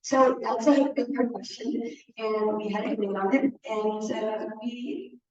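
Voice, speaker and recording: A woman's voice: fairly high pitch, a little slow, a little mellow. A young woman from Wisconsin, a student answering audience questions with many hesitant ums. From Madison, Wisconsin. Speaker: student presenter. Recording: roomy, distant, dull recording.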